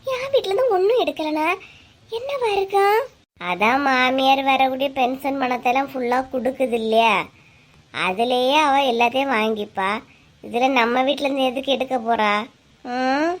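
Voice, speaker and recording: A high-pitched, chatty village neighbor in a cartoon, voiced by a woman. She gossips and teases in a broad Kanyakumari Tamil accent, trading quick remarks. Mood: gossiping. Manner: chatty, teasing, rapid back-and-forth. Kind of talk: cartoon voice acting.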